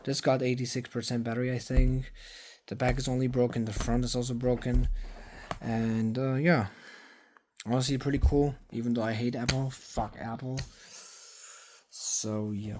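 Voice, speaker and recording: A man's voice: medium pitch, fairly even intonation, moderate pace, noisy background. A man of twenty giving a casual, rambling vlog update, swearing freely and filling gaps with fillers and restarts. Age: 20s. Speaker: YouTuber. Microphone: phone.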